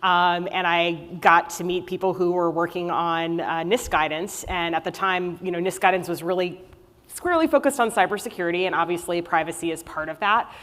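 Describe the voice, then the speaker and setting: A woman's voice: lowish voice, fairly quick, a bit bright. A woman speaking on a conference panel in a conversational way with many fillers. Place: conference luncheon hall. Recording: reverberant hall.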